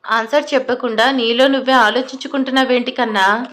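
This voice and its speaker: A woman's voice: high voice, steady tone, a little fast, a bit bright. A woman voicing a worried, suspicious middle-aged mother who keeps pressing her son with questions in an audio story.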